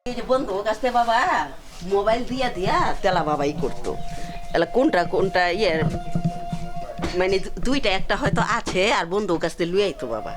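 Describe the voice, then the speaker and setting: A woman's voice: mid-range voice, expressive, fairly quick. A middle-aged woman with a rural Dhaka-area Bangladeshi accent, speaking plaintively and tearfully in grief. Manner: plaintive, repeatedly addressing the listener endearingly. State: tearful, grieving. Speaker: bereaved mother being interviewed. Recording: music laid under the voice.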